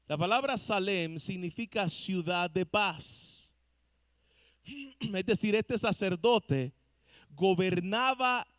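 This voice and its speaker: Man, pastor, sermon in church, unhurried delivery, dry sound, rhetorical questions. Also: high voice, pushed and bright, clean tone, dry recording. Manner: asks the congregation rhetorical questions; addresses listeners directly and earnestly. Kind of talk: preaching a sermon.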